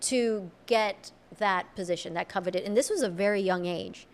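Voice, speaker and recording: A woman's voice: medium pitch, normal speed. A woman from Colombia, a native Spanish speaker, speaking as a podcast guest. She talks in a reflective, earnest way, often restarting her sentences. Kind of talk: casual conversational interview.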